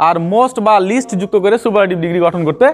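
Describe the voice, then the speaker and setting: High-voiced man teaching grammar. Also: fast talker. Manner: explains step by step, repeats key terms and quizzes the viewer. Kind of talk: classroom-style grammar lesson.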